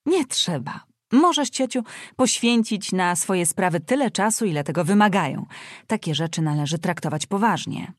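A woman reading aloud, voicing a polite young man who speaks with dry, gentle irony. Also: lowish voice, animated, moderate pace, no room sound. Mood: wry polite. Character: polite, wry young nobleman, nephew.

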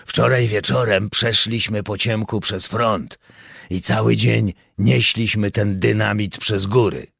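A man voicing a proud, jovial old male guide who speaks slowly and teasingly. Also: low-pitched, lively intonation, gravelly, husky, no room sound, studio quality, full character voice.

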